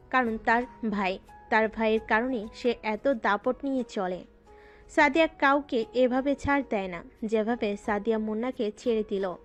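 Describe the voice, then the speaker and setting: A woman narrates a romantic audio story in an easygoing, conversational way. Her voice sits a little high. Faint background music plays under the narration.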